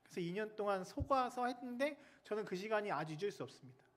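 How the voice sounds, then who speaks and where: High-voiced male chaplain, lively sermon, chats with the kids in the pews. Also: fast. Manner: lively, chatty, jokes with the children in the pews. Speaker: military chaplain pastor.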